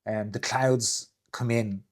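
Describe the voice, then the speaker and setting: A man's voice: fairly low pitch, takes it slowly. Chatty Irish man telling stories. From Ireland. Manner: animated storyteller, mimics others' voices. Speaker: co-host. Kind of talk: casual chat.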